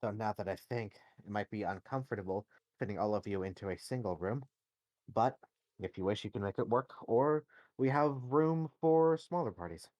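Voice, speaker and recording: A man running a tabletop game as game master, narrating in a relaxed, joking way. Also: fairly low pitch, moderate pace, dry recording, dull audio.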